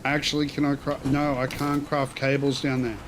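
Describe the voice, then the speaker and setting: A man chats casually while streaming a game. He rambles and thinks aloud in loose slang at a middling pitch. There is clear machinery-like ambient noise behind his voice. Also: completely flat delivery, moderate pace. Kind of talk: casual live gameplay commentary.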